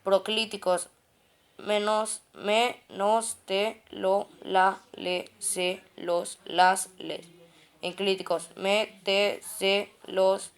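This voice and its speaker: Smooth-voiced woman reading study notes. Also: mid-range voice, little pitch movement, extremely slow. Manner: reads a list of terms and definitions, with frequent restarts on words.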